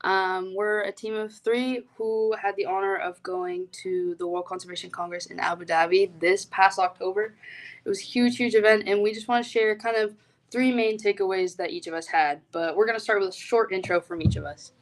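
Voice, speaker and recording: A woman's voice: mid-range voice, fairly even intonation, fairly quick, low-quality recording. A young woman from eastern Canada, a youth delegate, presenting casually over a video call with many fillers and restarts. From east coast of Canada. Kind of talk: online presentation.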